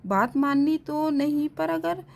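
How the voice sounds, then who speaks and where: A woman reading the part of a suspicious young female student, brisk and teasing. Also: sits high, vocal fry, darkish tone, a little hiss or hum, heavily acted.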